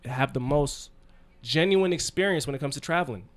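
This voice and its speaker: A man's voice: on the high side, normal speed. A man hosting a casual podcast, introducing his guest with hype and plenty of filler words. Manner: hyped, friendly, filler-heavy slang. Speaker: podcast host.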